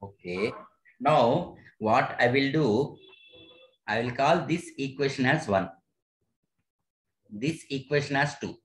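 A man's voice: mid-range voice, slow, long pauses. A man with an Indian accent teaching physics, explaining step by step and checking that he is followed. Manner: checks understanding with short questions. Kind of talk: online lesson, explaining a derivation step by step. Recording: roomy, echoey sound.

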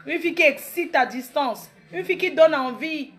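A woman in her late thirties with a Cameroonian French accent and a high voice. She delivers a boastful, mocking comedy rant aimed at her critics. Faint music plays underneath. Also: normal speed, fairly bright tone. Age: 30s. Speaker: comedic vlogger. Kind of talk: satirical comedy monologue.

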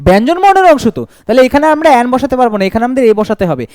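Male grammar tutor, very high voice, animated delivery, dry close sound, quizzes the class and answers himself. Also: rapid-fire, smooth, dry recording. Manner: lively, keeps asking and answering his own questions. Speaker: teacher. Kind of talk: exam-prep grammar lesson.

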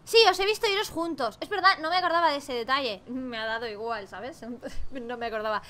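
A young woman with a Spain Spanish accent giving jokey, animated commentary while playing and reading a dating game. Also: sits high, brisk. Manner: animated and jokey, swears playfully, laughs often. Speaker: gaming YouTuber.

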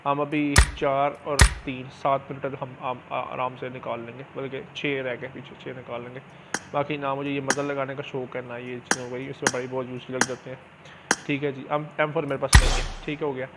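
A gaming channel host gives a casual screen-recorded game tutorial, explaining as he goes and often tossing in little check-in tags. His mid-range voice is brisk, with little pitch movement. The mic sounds dull and lo-fi, with clear background noise.

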